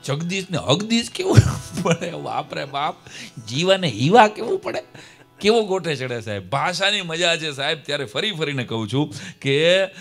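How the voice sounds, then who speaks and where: A man's voice: a little high, moderate pace, gravelly. Man, stage comedian, playful storytelling, faint music behind. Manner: animated, acts out dialogues, bursts of laughter.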